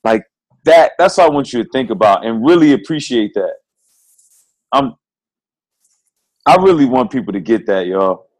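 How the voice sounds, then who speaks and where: A young man in his twenties with a mid-range voice co-hosts a casual podcast. He talks in a heartfelt, motivational way, loose and slangy, urging listeners to slow down and appreciate things. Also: medium pitch, animated, a little mellow, rough recording. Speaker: podcast co-host.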